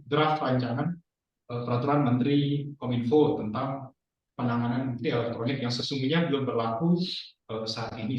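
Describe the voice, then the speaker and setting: Man speaking through a cavernous echo. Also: mid-range voice. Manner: polite, formal, with frequent hesitations. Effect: heavy cavernous echo on the voice. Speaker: judge asking questions in an online training. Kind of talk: formal questions in an online webinar. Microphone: video call. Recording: very echoey, distant, muffled online call audio.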